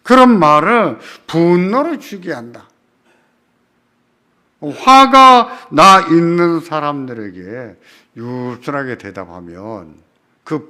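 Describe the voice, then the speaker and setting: A man preaching a sermon at a church prayer meeting, putting rhetorical questions to the congregation and repeating key phrases with emphasis, swinging between loud and soft. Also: a little high. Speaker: pastor.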